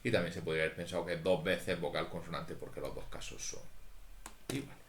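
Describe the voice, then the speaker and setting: A very low-voiced man talks through a statistics exercise at an unhurried, methodical pace. His voice bounces around an echoey room. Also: fairly even intonation, a little hiss or hum. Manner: methodical, thinks aloud, talks to students. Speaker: statistics teacher. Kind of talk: recorded lecture walking through exercises.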